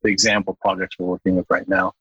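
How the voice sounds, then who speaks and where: A man's voice: deep voice, level tone, fast, pushed and bright, slightly rough, dry recording, dull audio. A middle-aged man from Bangladesh, a guest in a podcast interview, speaking earnestly and thoughtfully with frequent restarts.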